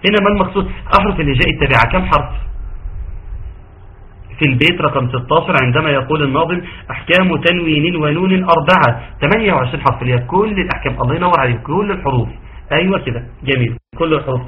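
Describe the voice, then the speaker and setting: A man's voice: on the high side, animated, racing, muffled recording. An Egyptian man teaching an online tajweed lesson, quizzing his students and praising their answers. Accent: Egyptian Arabic. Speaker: Quran recitation teacher.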